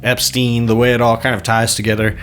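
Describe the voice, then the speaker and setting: A man's voice: medium pitch, flat delivery, a little fast, a bit bright, faint music behind. A male podcast host giving casual, conversational commentary, loose with fillers.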